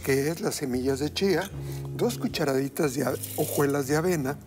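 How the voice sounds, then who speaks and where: A middle-aged man hosting a television cooking show, chatting effusively and flatteringly with his guest in a studio kitchen. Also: a little high, moderate pace, music in the background. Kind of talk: warm effusive studio chat. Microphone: lapel mic.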